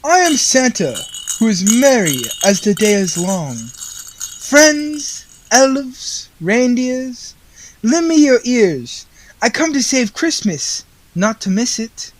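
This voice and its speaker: A performer playing a merry, stately Santa Claus in a mock-Shakespearean radio play, declaiming slowly and theatrically. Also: mid-range voice, big pitch swings, slight background noise, low-quality recording. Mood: grand, merry. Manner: slow, declamatory, theatrical delivery.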